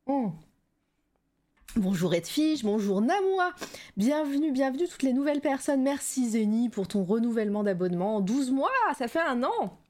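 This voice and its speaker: A woman's voice: fairly high pitch, lively intonation, normal speed, warm tone. A woman hosting a live stream in a loose, chatty way, full of hesitations, with a slight frog in her throat. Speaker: livestream show host. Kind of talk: casual livestream chat, greeting viewers.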